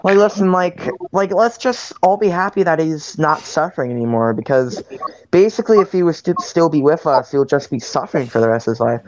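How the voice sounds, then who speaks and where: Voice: medium pitch, expressive, a little fast, darkish tone, dry recording. Rambling earnest voice on a lo-fi mic. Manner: rambling, filler-heavy, earnest. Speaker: chat participant. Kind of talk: casual voice chat.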